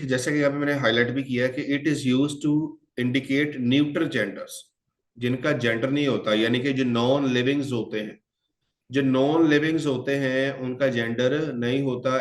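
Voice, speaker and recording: For an online exam-prep lecture, a man with a mid-range, reverberant voice teaches English grammar using both Hindi-Urdu and English. He calls the students children and quizzes them, posing questions and answering them himself.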